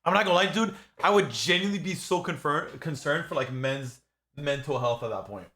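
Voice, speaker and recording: A young man chatting casually on a livestream, with slangy, excitable talk and frequent swearing. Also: a little high, brisk. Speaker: streamer reacting to a video.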